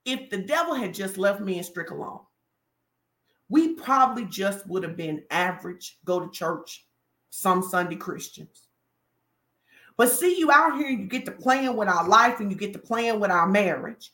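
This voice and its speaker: A woman's voice: mid-range voice, expressive, a little slow, bright, forceful tone. A woman preaching a fervent sermon, declaring and commanding her congregation in a call-and-response cadence. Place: church hall. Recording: echoey room.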